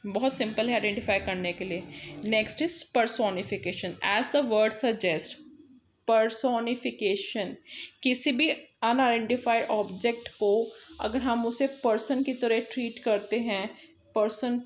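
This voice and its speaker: Slow, patient Indian woman teaching. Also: on the high side. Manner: slow, explanatory, repeats points. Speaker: English teacher. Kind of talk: online lesson, mixing English and Hindi.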